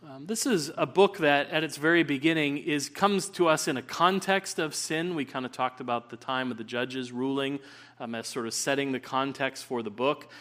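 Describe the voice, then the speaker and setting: An earnest male pastor preaching at a pulpit microphone in a church sanctuary. He leads prayer and reads scripture at a measured pace, filling pauses with an occasional "uh" as he sets up his text. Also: mid-range voice, fairly bright tone. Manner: earnest, measured delivery with frequent "uh" fillers. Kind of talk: sermon with opening prayer and scripture reading.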